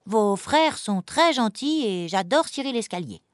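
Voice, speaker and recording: A woman's voice: animated, unhurried, no echo, clean studio sound. A woman voicing a fussy, irritable male rabbit who exclaims and scolds in a raised voice, in a storybook reading. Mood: sheepish. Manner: high-strung, exclaiming, scolding.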